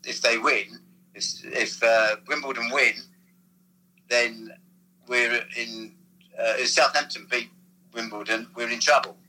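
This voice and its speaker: A man reminiscing about old football seasons in a casual, halting chat, often restarting his sentences. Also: mid-range voice, steady tone, sharp tone, poor audio. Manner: rambling, halting storyteller with restarts. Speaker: former football club figure, guest.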